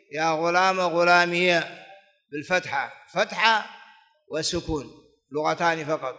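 A man teaches classical grammar in a rather high voice. He goes over each example form again and again and chants lines of old verse. His voice rings on in the long echo of a large hall. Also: sharp tone. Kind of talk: classical grammar lesson, explaining and reciting verse.

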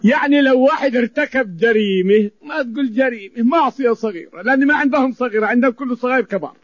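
High-voiced preacher, emphatic. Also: male voice, fast, no room sound. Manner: emphatic, repeating phrases for stress. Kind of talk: sermon. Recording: dull lo-fi recording.

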